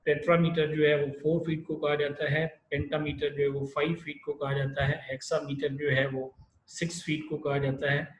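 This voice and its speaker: A man giving an online literature lecture. He explains step by step and often pauses, restarts and fills gaps. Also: on the high side, little pitch movement. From Pakistan. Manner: explanatory, many fillers and restarts. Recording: echoey room with faint hiss.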